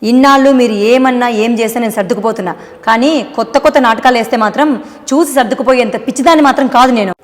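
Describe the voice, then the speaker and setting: A sharp, reproachful wife, played by a woman, rattling off her lines at a very fast pace in a fairly high voice. Her melodramatic family-drama scene sits in a roomy, echoing space with background music. She sounds fed up with her husband. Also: natural voice. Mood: cold. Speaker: actress in a family drama short. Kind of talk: melodramatic short-video acting.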